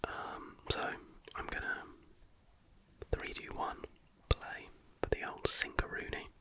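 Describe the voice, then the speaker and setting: Here a British ASMR host murmurs easygoing reaction remarks at a slow pace, keeping things hushed, informal and wandering.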